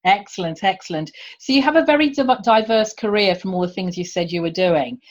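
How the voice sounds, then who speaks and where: A woman's voice: medium pitch, lively intonation, brisk. A woman hosting an interview podcast, asking guests questions and laughing along with them. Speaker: podcast host. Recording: dull lo-fi sound.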